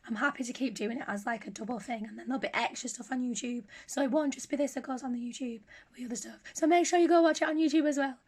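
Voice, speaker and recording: A woman chats casually to her vlog, hoarse, her voice giving out and slipping into a whisper. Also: high voice. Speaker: vlogger. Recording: noisy handheld phone recording.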